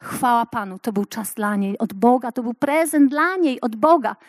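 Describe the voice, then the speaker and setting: A woman in her fifties preaching a passionate sermon to women, swinging from loud exclamations to hushed storytelling. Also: on the high side, moderate pace, no room sound.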